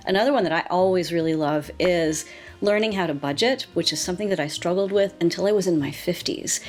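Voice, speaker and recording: A woman in her sixties speaking to camera with a low, even voice. She talks in an earnest, gently encouraging way, like a channel host sharing personal habits. Soft music plays faintly behind her. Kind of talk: casual talk to camera.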